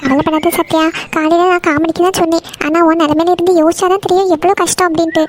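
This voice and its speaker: A woman's voice: extremely high pitch, flat delivery, quick pace, a little hiss or hum. A woman voicing a sympathetic young friend in a cartoon, consoling and coaxing. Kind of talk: Tamil cartoon voice acting.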